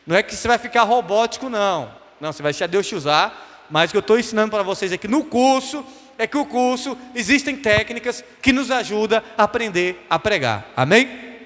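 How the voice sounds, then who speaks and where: A man, a bishop, teaches a preaching class with a notably high voice. He talks in an animated way, keeps firing questions at his listeners and acts out other people's voices. His voice rings with the long reverb of a church hall.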